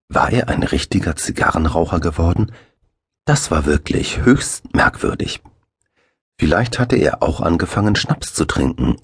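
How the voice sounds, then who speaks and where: A man narrating a children's audiobook with a lively, expressive reading on a close studio mic. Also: rumbling low, vocal fry, slightly rough, no echo.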